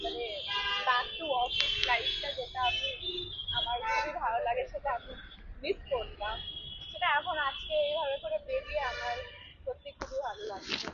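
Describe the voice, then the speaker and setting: Chatty high-voiced woman vlogging from traffic. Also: big pitch swings, normal speed. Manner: chatty, rambling with many fillers. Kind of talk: casual vlog chat. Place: in a vehicle stuck in traffic. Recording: muffled with loud traffic noise.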